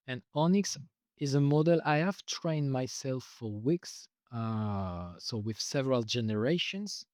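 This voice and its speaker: In a casual screen-recorded walkthrough, a software developer explains a tool he built, speaking hesitantly with lots of filler "uh"s and frequent restarts. His middle-pitched voice is a little worn, as though he's losing it. The recording is close and dry, with no room sound and no echo.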